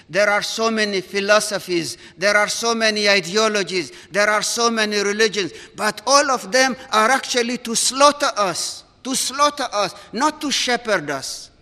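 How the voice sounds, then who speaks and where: A man preaching a sermon, earnest and deliberate, repeating key words for emphasis. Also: high voice, bright, forceful tone. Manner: earnest, repetitive emphasis, stressing single words. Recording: long reverb of a large hall.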